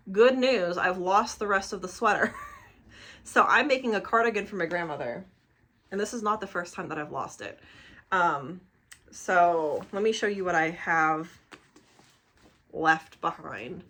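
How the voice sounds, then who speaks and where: A woman's voice: fairly low pitch, fairly bright tone. A young adult woman hosting a casual crafting podcast, rambling with many fillers and small laughs as she shows her projects. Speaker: podcast host. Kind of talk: casual crochet podcast chat.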